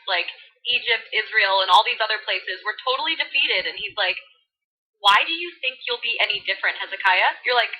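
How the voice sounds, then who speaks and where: A woman's voice: on the high side, pushed and bright, husky, poor audio. A woman with a Californian Valley Girl accent retells a story in gushing, sassy slang full of fillers. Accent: American, Californian Valley Girl.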